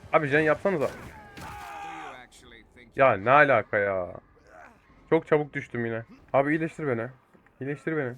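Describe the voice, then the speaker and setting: A young man giving excitable live commentary over a multiplayer game, swearing and talking to teammates and viewers. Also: medium pitch. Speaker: gaming YouTuber.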